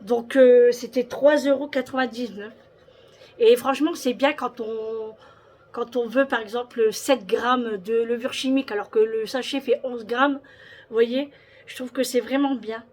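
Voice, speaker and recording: A woman's voice: on the high side, steady tone, unhurried, a little mellow. A woman vlogger chatting casually about her shopping haul, with many hesitations and repeated words.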